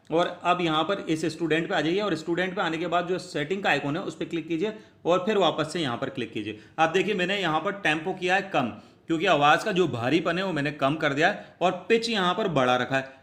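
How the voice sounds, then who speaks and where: A man's voice: a little high, a bit bright. A man giving a step-by-step screen tutorial, talking his viewers through each click and calling them friends. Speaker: tutorial host.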